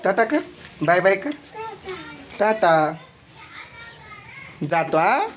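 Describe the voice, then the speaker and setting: A man's voice: high-pitched, very animated, very slow, fairly bright tone, lo-fi sound. A man, chatting at home in a family vlog and teasing and scolding in turns. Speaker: family vlogger. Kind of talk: casual family chat on camera.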